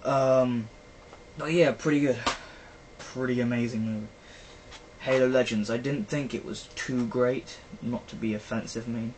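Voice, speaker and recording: A man's voice: medium pitch, steady tone, measured pace, a little mellow. A young British man chatting casually and rambling about films, full of fillers. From Britain. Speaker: vlogger. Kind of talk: casual film review chat. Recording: faint background noise, poor-quality recording.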